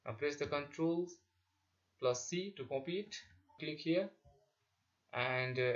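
A man giving a step-by-step software tutorial, dictating instructions in short, halting phrases. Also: fairly high pitch. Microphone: voice-over on a screen recording. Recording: dull, lo-fi sound with clicking.

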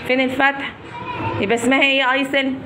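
A woman's voice: high voice, little pitch movement, racing, a crowd in the background. A young woman with an Egyptian Arabic accent teaching young pupils in a classroom, prompting and praising them by name. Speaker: primary school teacher. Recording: noisy classroom ambience.

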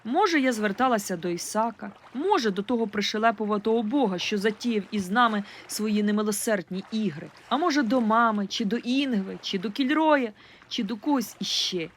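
A woman narrating a first-person audiobook with expressive, lively storytelling. Her voice sits at a middle pitch and carries steadily through the reading. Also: fairly quick, slight background noise. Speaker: audiobook reader.

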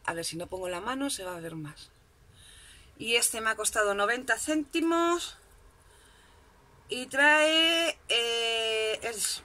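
A crafting vlogger with a fairly high, pushed and bright voice chats casually at her home craft desk. She shows off a shopping haul with self-mocking humor and checks in with viewers often.

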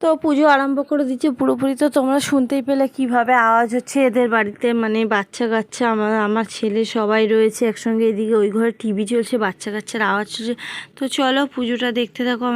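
A woman's voice: a little high, little pitch movement, fast talker. A middle-aged woman chatting casually to viewers as she narrates a family home vlog, rambling and addressing them directly. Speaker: vlogger.

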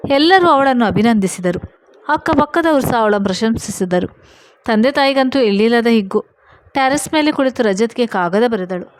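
A woman narrating a scripted love story at an even, steady reading pace. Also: mid-range voice, rough recording.

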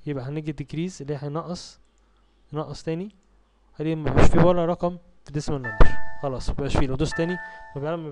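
A man with an Egyptian Arabic accent teaching a spreadsheet tutorial over a screen recording, reading English task steps slowly and asking himself questions as he clicks through. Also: on the high side, mellow. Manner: asks and answers his own questions while clicking through steps; reads English task text slowly, then explains. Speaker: software tutor.

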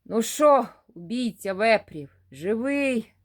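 A woman's voice: a little high, animated, slow pace. A woman voicing a brash young village man who swears and talks in coarse, slangy dialect.

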